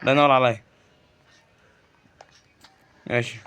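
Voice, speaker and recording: Over some background noise, a gaming YouTuber speaks at a moderate pace in a steady, medium-pitched voice with an Egyptian Arabic accent. His Let's Play commentary is casual and playful, and he chats back at the game's creatures.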